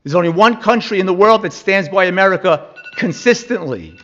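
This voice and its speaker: A man with a notably high voice delivers a heated public comment in a council chamber. He argues forcefully and fires off rhetorical questions. The recording is dull and lo-fi. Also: expressive, brisk.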